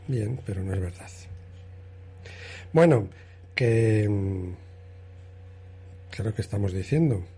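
Husky, mellow-voiced Spanish man. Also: fairly low pitch, lively intonation, slow, pauses often. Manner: patient, correcting, matter-of-fact. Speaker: podcast co-host. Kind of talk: casual banter.

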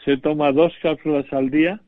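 A male doctor heard over the phone, giving measured, formal advice on a radio show. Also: a little high, fairly even intonation, no echo. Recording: dry narrow phone line.

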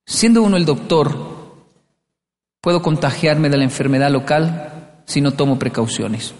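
A man's voice: fairly high pitch, a little slow, darkish tone, in a large hall. A man giving a live talk on leadership, telling stories animatedly and acting out the dialogue in playful voices. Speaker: speaker on leadership.

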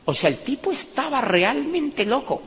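High-voiced Colombian man telling stories. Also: normal speed. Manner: animated, repeats phrases for emphasis, jokes about himself. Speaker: motivational business speaker. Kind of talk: storytelling talk to a live audience. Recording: reverberant hall with faint background noise.

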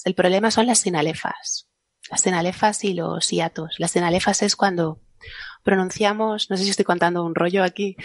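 A woman's voice: medium pitch, no echo. A woman guest on a science podcast panel, explaining her research casually, laughing often and restarting her sentences.

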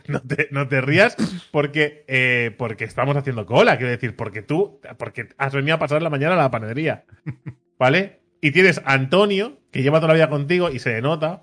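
A young man from telling a lively anecdote in casual chat, mimicking people he met. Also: mid-range voice, brisk. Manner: animated storyteller, mimics voices of people in the queue.

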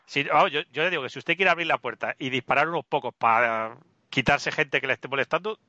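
Teasing Spanish radio host, bright voice. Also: male voice, medium pitch, fast talker, dry recording, lo-fi sound. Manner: exclamatory, teasing. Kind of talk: comedy radio chat.

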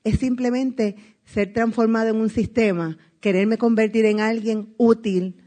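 Lively Puerto Rican woman telling a story. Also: fairly high pitch, unhurried. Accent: Puerto Rican Spanish. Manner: lively storyteller, acts out dialogue, laughs often. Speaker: network marketing speaker. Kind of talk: motivational testimony talk.

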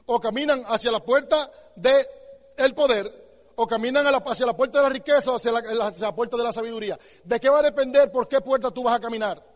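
A man's voice: very high voice, a little fast, in a large hall. A man giving an emphatic motivational talk, asking the listener rhetorical questions. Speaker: motivational speaker.

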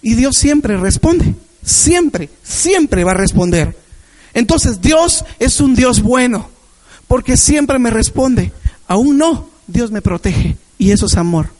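A man's voice: very high voice, animated, slow pace, a little mellow, rough recording. A man preaching a Sunday sermon in a church, sharing a personal testimony with emphatic repetition.

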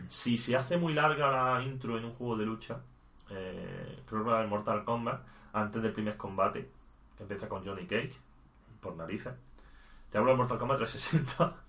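Low-voiced man. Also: moderate pace, a bit bright. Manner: thinks aloud, restarts sentences. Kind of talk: casual conversation about video games.

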